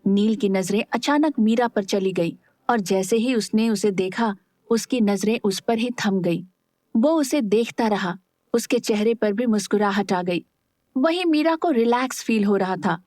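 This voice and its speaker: A woman narrating an audio story smoothly in a steady storytelling style. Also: medium pitch, measured pace, no echo.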